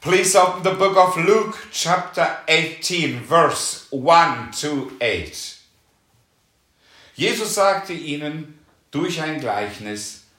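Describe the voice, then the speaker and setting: A man's voice: a little high, bright, forceful tone, roomy sound. A man preaching a fervent sermon, reading scripture aloud and calling out hallelujah again and again.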